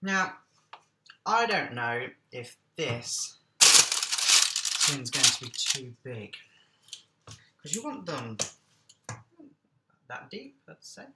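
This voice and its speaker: A man's voice: mid-range voice, very animated, drawn-out words, long pauses, roomy sound, heavy background noise. A man hosting a casual cooking vlog, chatting along with jokey, self-deprecating asides.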